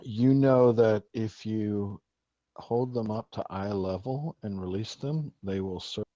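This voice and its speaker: A man running a tabletop game as game master over voice chat, speaking haltingly while his mic cuts out and his volume jumps around. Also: lowish voice, warm tone, no room sound, dull audio. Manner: halting, restarts often. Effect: mic cutting out, uneven volume.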